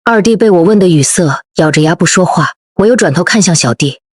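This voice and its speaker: A woman in her forties narrates a first-person audio story in a subdued, wounded tone. Her voice is husky and fairly low. It is recorded dry and close. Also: lively intonation, fairly quick, no room sound.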